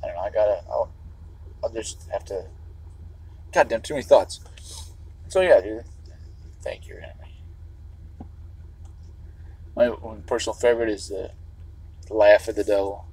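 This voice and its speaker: A man's voice: lowish voice, a little slow, pauses often, mellow, breathy edge, rough recording. A man from the Chicago area, talking in a rambling livestream monologue while driving. He swears freely and keeps restarting sentences. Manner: meandering, restarts, swears often.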